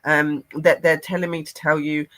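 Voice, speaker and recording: A man's voice: on the high side, little pitch movement, normal speed, fairly bright tone. A man, co-hosting and passing on a channeled spirit message in an earnest, rambling way. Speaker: spiritual medium co-host.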